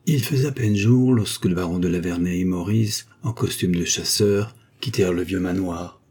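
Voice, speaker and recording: Reading from a script, a man with a deep, dark, husky voice narrates a classic novel as an audiobook, keeping his delivery even and measured.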